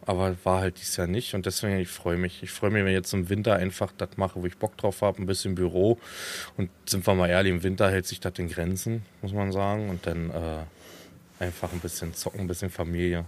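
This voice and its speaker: A man's voice: deep voice, flat delivery, fairly quick. A man co-hosting a casual podcast, laid-back and teasing in conversation. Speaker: podcast co-host. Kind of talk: casual chat.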